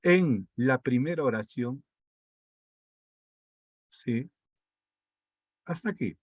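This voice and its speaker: A man's voice: mid-range voice, expressive, extremely slow. A man, teaching a reading comprehension class while fighting a sore throat, reading passages aloud and checking in with his students. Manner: reads text aloud, then breaks it down with rhetorical checks.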